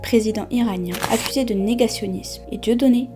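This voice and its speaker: A woman's voice: a little high, brisk. A woman giving scripted documentary narration in punchy, dramatic short phrases. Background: soft background music.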